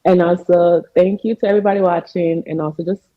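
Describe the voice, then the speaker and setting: A man's voice: sits high, steady tone, fast, dry recording, phone-quality sound. An American man chatting as an interview guest in an informal, earnest way, peppered with filler phrases. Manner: informal, earnest, frequent "you know" and "like". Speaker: podcast guest, artist. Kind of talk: casual interview chat.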